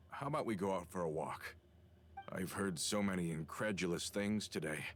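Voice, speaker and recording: An actor playing a weary, humble aging working man in a video game, measured and polite. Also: low-pitched, a little hiss or hum, close to an everyday voice. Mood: shaken, hesitant.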